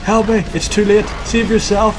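Gasping, melodramatic dying soldier played by a man, high strained cries, mock-dramatic game role-play. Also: flat delivery, moderate pace, noisy background, lightly acted. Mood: desperate, melodramatic.

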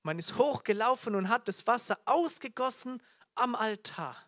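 A man's voice: extremely high pitch, lively intonation, normal speed, fairly bright tone. A man preaching a live sermon to a congregation, fervent, often calling out hallelujah and repeating key phrases. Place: church teaching event before a congregation.

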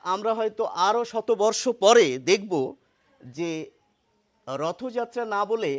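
A man giving a pronunciation lesson, slowly saying example words and contrasting them, and asking his listeners questions. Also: sits high, fairly bright tone. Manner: slow, deliberate, repeats example words in contrast; addresses listeners directly with questions. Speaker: Bengali pronunciation teacher.

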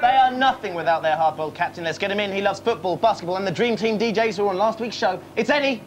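A man's voice: sits high, quick pace. A man in his twenties presenting a children's TV game show as quizmaster in a studio. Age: 20s. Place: TV studio with teams around. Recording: noisy TV studio, rowdy crowd.

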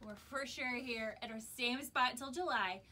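An American woman in her thirties, a shop owner, makes a casual video announcement to customers indoors a few steps from the camera. Her voice is fairly high and sharp at a normal speed, and the distant camera picks up background noise.

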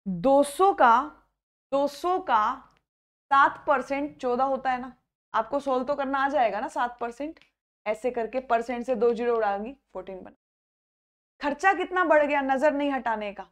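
A woman's voice: high voice, moderate pace, fairly bright tone. A woman teaching a live online math class, coaxing her students by name and checking again and again that they follow.

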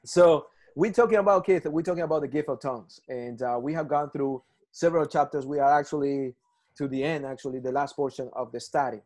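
Fairly quick and on the high side, with a darkish tone, this Spanish-accented man from Ecuador runs a Bible class over video call. Earnest throughout, he repeats himself, restarts often, and keeps asking "right?"

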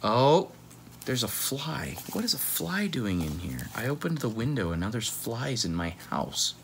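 This read-aloud host is in his thirties, lounging on a couch in a small room at home as he chats playfully through a kids' picture book and keeps wandering off topic. His mid-range voice is gravelly and sing-song, unhurried, with slight background noise.

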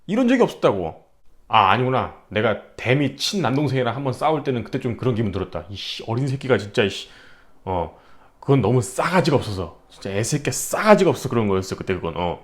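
A man's voice: medium pitch, big pitch swings, fast. A man in his thirties talking casually to camera, brash and profane, acting out the people in his stories. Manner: brash, profane, acts out quotes. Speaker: vlogger. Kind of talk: casual storytelling monologue.

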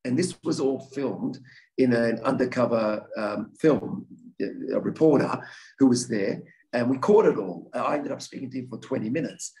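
An earnest man in his forties speaks at a talk and takes questions from the audience. His voice sits at an ordinary pitch, and he often restarts and repeats his words as he works through an answer. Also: normal speed, a little mellow, low-quality recording. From Australia. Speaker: guest speaker, victims' advocate.

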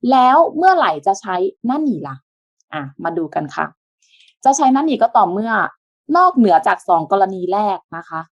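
A woman teaching an online language lesson, explaining step by step in a patient way with soft, polite sentence endings. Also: mid-range voice, very animated, normal speed, no echo, dull audio.

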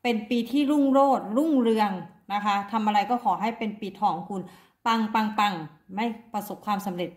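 A woman's voice: mid-range voice, expressive, fast, hardly any pauses. Middle-aged female tarot reader, chatty and repetitive, phone-recorded, roomy echo. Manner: chatty, repeats herself, warm-hearted pleas to viewers. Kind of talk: casual tarot reading to viewers. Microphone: phone front camera.

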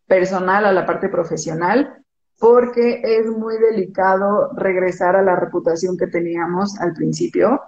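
A woman's voice: medium pitch, a little mellow, muffled recording. Chatty Mexican woman on an echoey call. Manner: chatty, explains with everyday examples. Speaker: image consultant guest. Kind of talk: casual interview chat.

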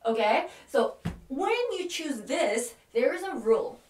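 A woman with a Korean accent teaching a language lesson, patiently repeating words slowly and often checking in with "Okay?". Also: high voice, lively intonation, darkish tone, roomy sound, recorded from a distance, a little hiss or hum.

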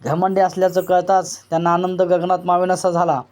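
A man narrating a novel aloud in a measured, literary storytelling delivery. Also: high voice, monotone, darkish tone.

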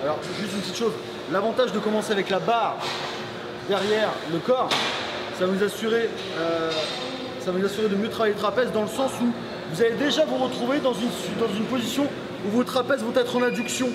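A young man gives clear, explanatory training advice and speaks straight to viewers. His voice is high. Loud gym noise fills the background. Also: brisk, roomy sound. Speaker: guest bodybuilder. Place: large busy indoor gym.

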